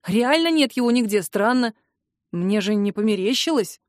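A woman's voice: on the high side, expressive, normal speed, no room sound, clean studio sound, close to an everyday voice. A woman voicing a young man, the narrator's blunt, easygoing brother, with offhand, teasing talk.

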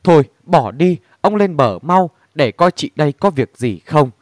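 A man's voice: on the high side, very animated, no echo, studio quality. Urgent village wife giving orders; a male reader voices her. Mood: urging. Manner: urging, hurried.

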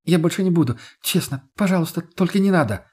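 A man voicing a desperate young woman who begs and pleads in a raised, husky voice. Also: fairly high pitch, expressive, fast, darkish tone, pitched above the performer's own voice. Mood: apologetic. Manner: begging, whiny, breathless pleading.

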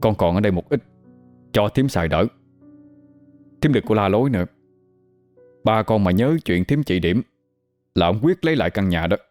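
A man doing a patient gentle young man. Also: on the low side, quick pace, no room sound, faint music behind, lightly acted. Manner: gentle, coaxing. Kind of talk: storytelling with voices.

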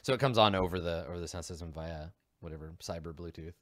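A man running a tabletop role-playing game as game master, rambling through his scene with lots of fillers and restarts. His voice sits low, and the recording is dry and close. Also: fast, no echo.

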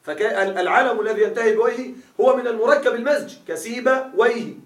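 A man's voice: extremely high pitch, a little fast. A man teaching a grammar class, quizzing his students with repeated questions as he explains. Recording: echoey room, mic far off.

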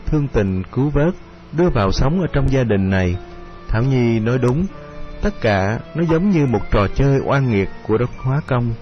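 A man narrating an audio story in a slow, measured, melancholy reading. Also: mid-range voice. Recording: dull lo-fi audio with music.

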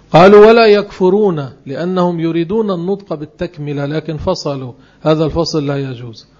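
Male religious teacher, emphatic and slow on key phrases, fairly high voice on a dull recording. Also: darkish tone. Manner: emphatic, spells out phrases slowly word by word. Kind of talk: religious lesson.

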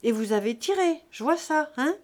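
A hearty, brusque country veterinarian, as a woman reading the novel puts him on, loud and raised in pitch, scolding the family with rough good humour. The storybook voice stays high and carries a lot of force. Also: expressive, moderate pace, natural voice. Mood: jovial scolding. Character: jovial blunt country veterinarian man, middle-aged.

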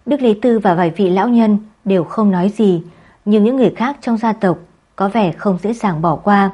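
A woman reading a novel aloud in a steady, measured storytelling voice. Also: mid-range voice, breathy edge. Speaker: narrator. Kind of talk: scripted audiobook narration.

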